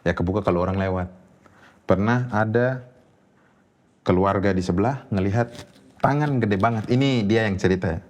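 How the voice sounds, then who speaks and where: A man, telling a personal ghost story in a casual interview, animated and laughing often. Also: moderate pace, pauses often. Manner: animated, jumps high when quoting others, laughs often. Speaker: guest storyteller.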